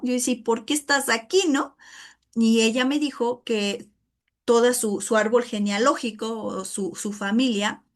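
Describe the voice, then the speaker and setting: A middle-aged woman teaching a Bible study in a conversational way, often calling listeners "brother" and filling pauses. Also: fairly high pitch. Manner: chatty, addresses listeners as "hermano", many fillers like "este".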